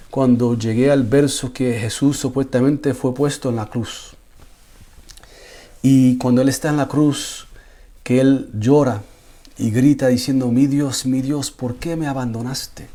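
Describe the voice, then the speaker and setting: Imam giving a personal testimony, warm low-toned voice, repeats words, builds to fervent pleading. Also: male voice.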